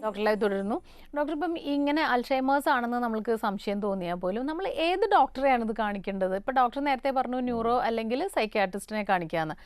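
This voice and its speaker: A woman's voice: a little high, expressive, fast talker, faint music behind. A woman hosting a television health phone-in, asking the doctor formal, well-phrased questions. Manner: clear and formal, prompting guests. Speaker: TV show host.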